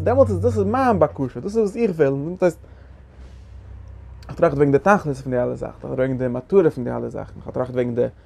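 A man's voice: mid-range voice, gravelly, a little mellow. A man giving a Torah lecture, asking rhetorical questions and restarting phrases often. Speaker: Torah teacher.

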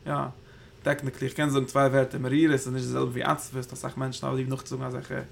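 Gravelly-voiced man teaching Torah in Yiddish. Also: medium pitch, completely flat delivery, quick pace, slight background noise. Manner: rambling, thinking aloud, Hebrew terms woven in. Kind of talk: Yiddish Torah class on the Zohar.

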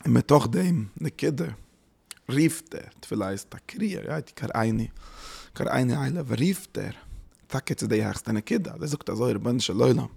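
Gravelly, husky man giving a halting lecture. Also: mid-range voice, expressive, dark tone. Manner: halting, searching for words, mixing in English terms. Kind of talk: spoken religious lecture.

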